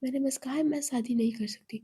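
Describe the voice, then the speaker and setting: A woman's voice: high voice, steady tone, fast talker, dark tone, husky. A woman reading as Ayesha, a heartbroken young woman. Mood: pleading. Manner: urgent, pleading, half-whispered.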